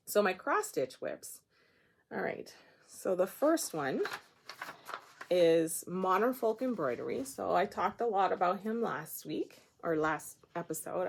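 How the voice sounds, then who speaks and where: A woman's voice: mid-range voice, vocal fry. A woman from Nova Scotia hosting a craft podcast, chatting casually and rambling as she shows her projects, often laughing at herself. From Nova Scotia, Canada. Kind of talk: casual show-and-tell chat.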